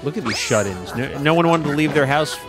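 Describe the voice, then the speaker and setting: A man casually commenting while playing a video game, joking and quickly voicing the characters in silly lines. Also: fairly high pitch, lively intonation, music in the background. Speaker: gaming YouTuber. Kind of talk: casual let's-play commentary.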